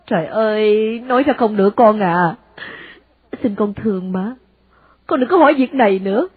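A woman with a Southern Vietnamese accent voicing an anguished, devout older mother who implores her son, in a husky voice. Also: medium pitch, animated, moderate pace, dry recording, narrow, tinny audio. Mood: pleading. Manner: imploring, sighing exclamations.

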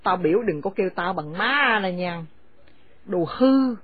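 A woman's voice: medium pitch, lively intonation, unhurried, slightly rough, no echo, voice pushed down. A woman voicing a furious, domineering elderly mother-in-law who screams scornful insults. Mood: furious scolding. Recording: dry, phone-like narrow sound.

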